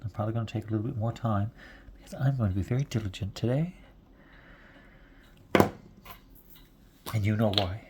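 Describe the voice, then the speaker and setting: A man's voice: lowish voice, normal speed, pauses often, background noise. A man in his forties chatting casually while he knits, rambling and chuckling often. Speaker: knitting vlogger. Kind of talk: casual chat while knitting.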